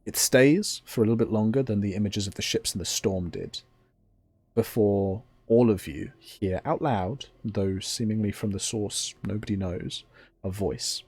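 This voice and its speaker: A man narrating a tabletop role-playing game as game master, in a measured, descriptive way with pauses between phrases. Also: on the low side, darkish tone, husky.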